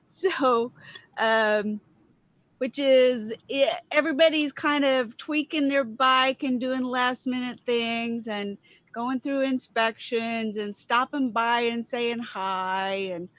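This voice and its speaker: High-voiced woman with a West Texas twang. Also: slow pace, a bit bright. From West Texas, United States. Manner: self-deprecating, chatty. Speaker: video contributor and guest. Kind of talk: casual chat on an online video show. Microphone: video call.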